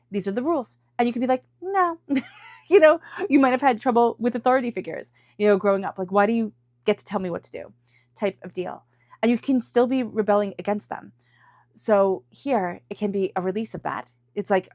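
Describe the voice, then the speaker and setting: Her voice medium-pitched and a little mellow, a woman with a head cold delivers an intuitive tarot reading to viewers. She sounds stuffy and repeats phrases for emphasis, recorded in clean studio sound without room noise.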